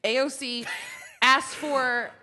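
A woman's voice: high voice, steady tone, slow pace, background noise. A woman with an American accent co-hosting a casual news podcast, speaking candidly and informally with free swearing. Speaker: podcast co-host.

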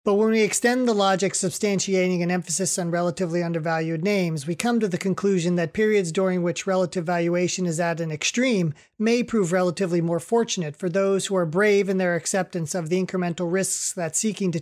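An investment adviser reading a scripted financial commentary in a formal, measured and careful way. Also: mid-range voice, fairly even intonation, darkish tone. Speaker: investment adviser giving monthly market commentary.

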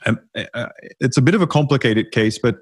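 A man in his thirties co-hosting a podcast, explaining a case in a lively, self-mocking way with frequent restarts. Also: mid-range voice, fairly quick, husky, no room sound. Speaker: podcast co-host. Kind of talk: casual expert discussion.

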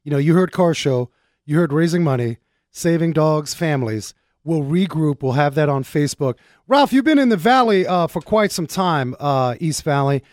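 A man's voice: fairly high pitch, expressive, moderate pace, darkish tone, no room sound, clean studio sound. A man hosting a casual radio talk show in an informal, exclamatory way with punchy asides.

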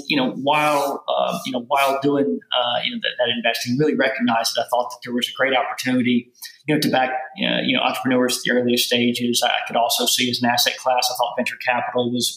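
A man in his forties with a Southern Kentucky accent, talking casually as an interview guest, halting and full of filler words. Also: mid-range voice, a bit bright. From rural Kentucky. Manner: halting, heavy use of "you know" fillers and repeated words. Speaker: venture capital guest. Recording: roomy echo.

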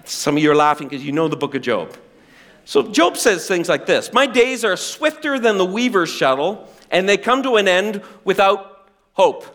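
A middle-aged male pastor preaching a sermon with animated, self-deprecating humor. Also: high voice, moderate pace.

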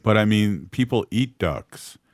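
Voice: mid-range voice, animated, a little slow, no echo, studio quality. A radio show co-host chatting casually and reacting with exclamations. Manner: reactive, exclaims and laughs along. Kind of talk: casual talk radio chat.

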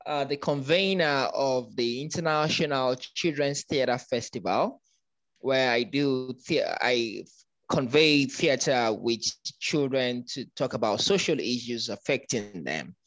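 A man from Nigeria speaks as an interview guest, halting often with ums and restarting his phrases. His voice sits at a middle pitch, and the sound is dry with no room echo. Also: lively intonation, fairly bright tone. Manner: hesitant, many ums and restarts. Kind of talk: conversational interview.

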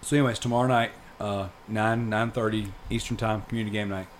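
A man in his thirties hosting a podcast, telling a long story in casual chat, rambling and animated with plenty of fillers. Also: fairly low pitch, quick pace, a little hiss or hum. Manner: rambling and animated, lots of fillers like dude and freaking. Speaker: podcast host.

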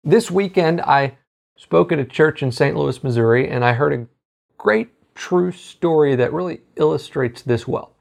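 A preacher delivering a sermon, emphatic and exhorting, slowing down on key phrases. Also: mid-range voice, vocal fry, darkish tone.

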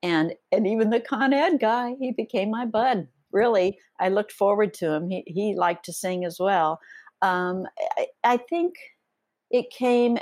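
A woman's voice: medium pitch, measured pace, darkish tone, dry recording. A woman author reading her own essays aloud and talking about them in an interview, reflective and a little hesitant.

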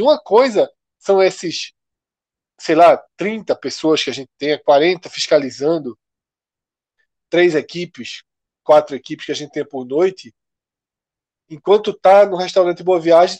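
A man from co-hosting a casual panel chat, talking in a loose, slangy, animated way. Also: fairly high pitch, dry recording. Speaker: co-host.

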